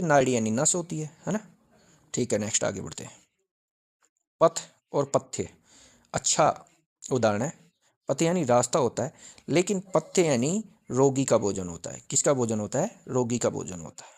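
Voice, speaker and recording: A man's voice: mid-range voice, vocal fry, a little mellow. A male teacher giving an exam-prep grammar lesson, repeating each point and asking questions that he answers himself. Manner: repetitive, drilling with question-and-answer.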